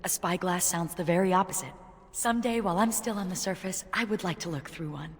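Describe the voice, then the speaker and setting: A woman's voice: lowish voice, fairly quick, big-room sound, lightly acted. An actress playing an earnest, curious young warrior woman in a video game, a reflective survivor who speaks with wonder. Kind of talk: video game character acting.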